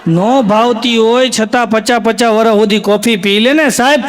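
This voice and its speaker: A man's voice: sits high, in a large hall. A man telling comic folk stories to a live audience in a Kathiyawadi Gujarati accent, acting out the voices of the people in his tales. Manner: lively anecdotal delivery, acting out quoted voices. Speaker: stand-up comic storyteller. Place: stage show before a live audience.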